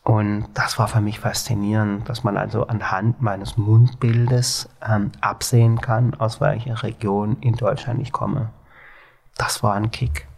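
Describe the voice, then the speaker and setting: An exhibition founder from Baden-Baden, Germany, speaks with a Baden accent as a guest in a reflective interview, hesitating and using many fillers. His voice is lowish, gravelly and darkish, with flat delivery at a measured pace.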